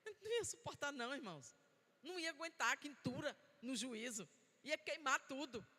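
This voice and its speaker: A woman's voice: high-pitched, animated, normal speed, bright, forceful tone. A woman from Bahia, preaching a sermon and prompting the congregation to answer her. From Bahia, Brazil. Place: church sanctuary. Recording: long church-hall reverb.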